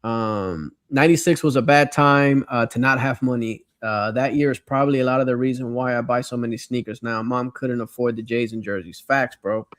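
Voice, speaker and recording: Reading out viewer comments on his livestream, a middle-aged Miami man speaks in slangy, conversational, nostalgic fashion. His mid-range voice runs at normal speed with few pauses, in studio quality with no room sound.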